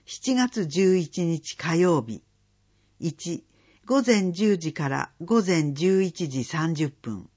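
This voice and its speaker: A slow, measured voice reads out community event listings one item at a time, with a husky, breathy edge and a lively rise and fall in pitch. The recording sounds dull and lo-fi. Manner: slow, measured listing of dates and phone numbers. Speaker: announcement reader.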